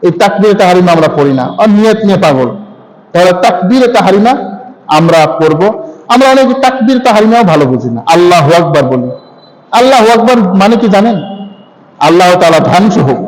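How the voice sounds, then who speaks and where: A man teaching how to say a prayer, explaining point by point and slowly chanting the prayer words for listeners to repeat. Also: high-pitched, poor audio. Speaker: religious teacher. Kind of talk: prayer recitation lesson.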